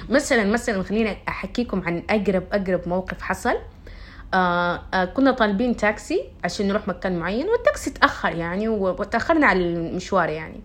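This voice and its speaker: A woman's voice: mid-range voice, expressive, quick pace, a bit bright. A young woman, chatting casually and confidingly to her followers and dropping in English words. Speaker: vlogger.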